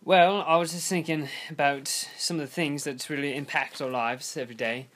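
A man's voice: fairly high pitch, fairly even intonation, moderate pace, fairly bright tone, lightly acted. A man putting on a British accent to play a guest poet on a casual podcast, speaking in an overly polite, mock-formal way. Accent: put-on British. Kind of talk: podcast guest reciting a poem.

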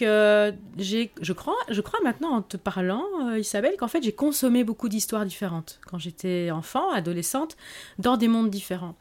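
A woman answers questions in a podcast interview. She sounds reflective and unhurried, often pausing on fillers as she searches for words. Her pitch sits in the middle range. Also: a little mellow. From Belgium. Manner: reflective, hesitant with frequent fillers. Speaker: author guest.

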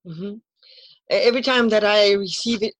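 A woman's voice: medium pitch, unhurried, no room sound, rough recording. Emotional Spanish-accented woman, searching for English words. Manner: emotional, earnest, repeats phrases for emphasis. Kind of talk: heartfelt conversation.

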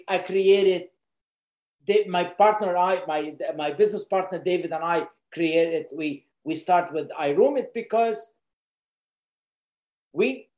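A man's voice: high-pitched, a little mellow, reverberant. A man from Lebanon, co-founder of a company, speaking earnestly and personally, with frequent fillers and repeated words.

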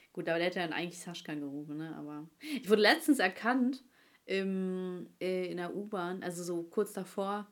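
A young woman hosting a casual podcast chat, a lively storyteller who acts out both sides of her conversations. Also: on the low side, normal speed. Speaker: podcast host and video creator.

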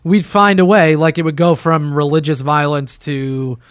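A man from New Jersey hosting a podcast, talking in casual, animated conversation with filler words and the occasional swear. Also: on the high side, moderate pace, clear, resonant tone, no room sound, clean studio sound. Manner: animated, swearing, frequent "like" and "you know". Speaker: podcast host.

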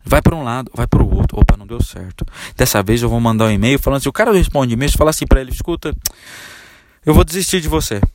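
A man's voice: mid-range voice, rapid-fire, hardly any pauses, darkish tone, dry recording, studio quality. A man hosting a sales podcast, scolding his listeners bluntly and with profanity, and keeps asking whether they understand. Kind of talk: ranting podcast monologue.

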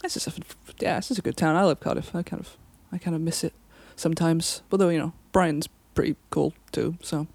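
A Welsh woman chats as a guest in an interview, relaxed and unhurried as she explains. Her voice carries a gravelly edge, and the sound is close and dry with no room around it. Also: low voice, no room sound. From Wales. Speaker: guest musician. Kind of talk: casual interview chat.

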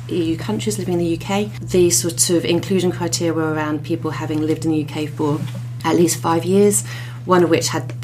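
A woman's voice: deep voice, background noise. A woman researcher talking through her work as a podcast guest, thoughtful and hesitant, with many fillers and restarts.

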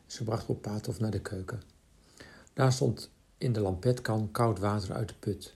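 A man reading a literary short story aloud in a calm, measured narration. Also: on the low side, creaky.

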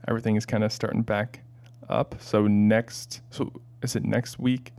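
Casual male podcast host, halting speech. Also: on the low side, little pitch movement, creaky, a little mellow. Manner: hesitant, many fillers and restarts. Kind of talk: casual chat.

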